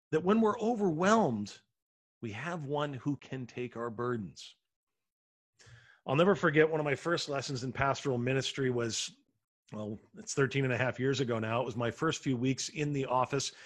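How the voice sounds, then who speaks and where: A pastor giving an earnest sermon, drawing out key words slowly and letting phrases fall to a hush. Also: male voice, mid-range voice, animated. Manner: earnest preaching with slow, drawn-out emphasis and soft hushed endings.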